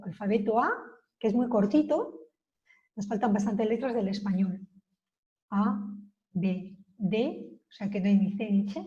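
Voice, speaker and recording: Female language teacher, patient and methodical, spells things out slowly; slightly high, mellow voice on a dull recording. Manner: slow, patient spelling and repeating of example phrases. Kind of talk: Basque lesson explained in Spanish.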